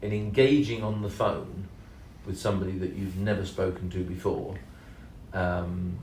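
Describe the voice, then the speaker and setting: A man co-hosting a casual podcast, speaking in a measured, hesitant way with many ums and leaning hard on key words. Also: low-pitched, fairly even intonation, darkish tone, a little hiss or hum. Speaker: podcast co-host and sales trainer. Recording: roomy echo, mic at a distance.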